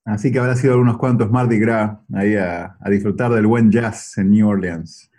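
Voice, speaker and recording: A man's voice: fairly low pitch, fairly even intonation, normal speed, mellow. A man hosting a casual interview, asking friendly, curious questions. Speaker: interview host.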